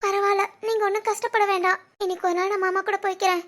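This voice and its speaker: A woman voicing a young wife and college student in an animated family drama, speaking with a Tirunelveli Tamil accent, soft and pleading. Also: very high voice, rapid-fire. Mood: tearful. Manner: pleading, tearful, soft-spoken.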